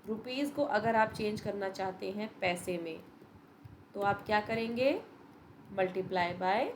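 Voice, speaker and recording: Woman teacher, patient, step-by-step, mid-pitched, audible background noise. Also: low-quality recording. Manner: patient, explains step by step, addresses students as beta. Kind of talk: revision lesson for children, Hindi-English mix.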